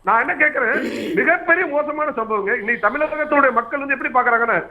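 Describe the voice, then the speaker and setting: A man making a formal statement as a panelist in a TV debate, measured and formal. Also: extremely high pitch. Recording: tinny phone line.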